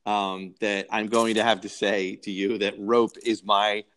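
A man's voice: on the low side, level tone, measured pace, fairly bright tone. A man co-hosting a casual film discussion, rambling with lots of restarts and repeated words. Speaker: podcast co-host.

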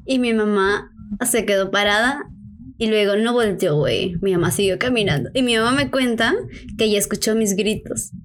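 A woman in her twenties telling a personal story in casual chat, animated and full of slang fillers. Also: mid-range voice, normal speed.

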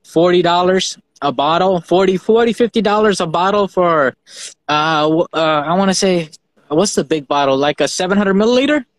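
A man from Fiji talks in a loose, rambling way, stacking repeated words before he gets going. His voice sits a bit high for a man. The sound is dry and close, with no room around it. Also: normal speed, no echo, low-quality recording. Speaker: host. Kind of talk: casual chat.

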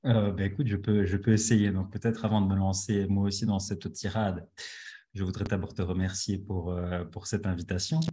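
A man's voice: low-pitched, flat delivery, normal speed, mellow. A man who is a guest on a podcast, answering politely and hesitantly with many fillers. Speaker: guest translator. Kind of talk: podcast interview.

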